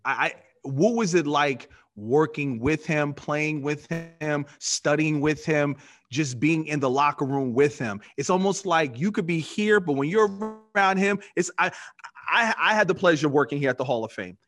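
A man with a slightly higher than usual pitch hosts an interview. He listens closely and answers his guest with short affirmations. He asks his questions in an easy conversational way. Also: moderate pace, a bit bright.

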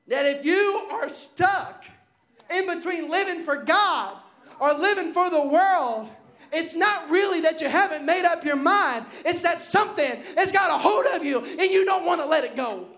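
High-voiced fervent young preacher. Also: male voice, expressive, measured pace. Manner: fervent, shouting at peaks. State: losing his voice. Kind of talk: Pentecostal sermon.

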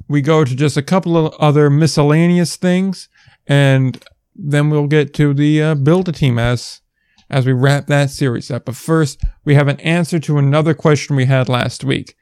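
Smooth-voiced man hosting a sports podcast. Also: a little high, steady tone, normal speed, darkish tone, no room sound. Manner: conversational, explains at length, dry asides. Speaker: podcast host. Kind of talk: casual sports podcast chat.

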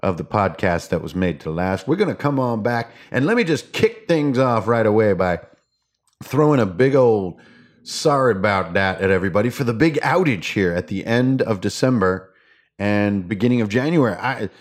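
A man's voice: lowish voice, animated, normal speed. A man hosting a casual gaming podcast, rambling along in a playful, theatrical, slangy way. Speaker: podcast host.

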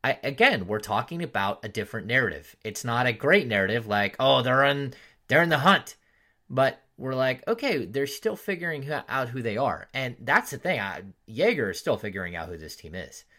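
Guy hosting a sports podcast, mid pitch, gets loud and animated when he tells a story. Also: a little fast, few pauses. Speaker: podcast host, team insider. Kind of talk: casual sports chat.

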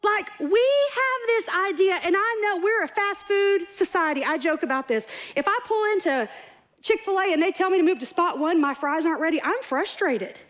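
High-voiced woman preaching. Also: moderate pace. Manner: animated storytelling, acts out quoted voices with humor. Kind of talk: sermon.

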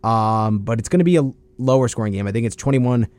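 A man's voice: mid-range voice, lively intonation, fast talker, darkish tone. A man co-hosting a casual sports talk show in a matter-of-fact, skeptical way. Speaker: sports radio co-host.

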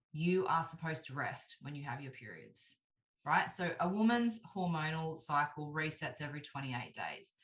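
A woman in her thirties talking casually as a guest, lively and full of "like", acting out what people say. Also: low-pitched. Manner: animated, heavy use of "like", acts out quoted voices. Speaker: podcast guest. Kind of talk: casual chat. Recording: roomy echo.

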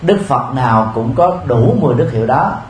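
A man giving a Buddhist dharma talk, speaking in a measured way with frequent pauses and filler sounds. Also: medium pitch, animated, darkish tone. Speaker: Buddhist teacher. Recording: roomy with faint ambient noise.

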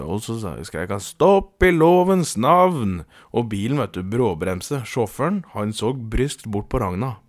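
A man's voice: low voice, darkish tone, no room sound. A man telling a folk tale in a folksy, hesitant way with many fillers. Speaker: storyteller.

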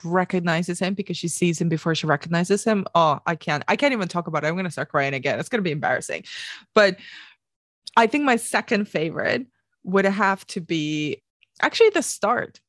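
A woman's voice: lowish voice, brisk, no room sound, clean studio sound. A woman, co-hosting a podcast and talking through a film in a casual, earnest way with lots of restarts. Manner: earnest, animated, many restarts. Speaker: podcast co-host.

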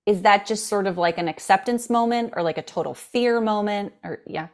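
A woman's voice: mid-range voice, a little fast. A woman hosting an interview, jumping in with curious follow-up questions. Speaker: host.

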